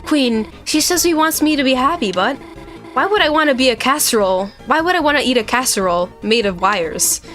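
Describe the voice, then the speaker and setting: A woman's voice: high voice, animated, a little fast, a bit bright, soft background music. Woman voicing a timid, jittery young girl. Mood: anxious. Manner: anxious, stammering questions. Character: timid nervous young girl, confused in battle.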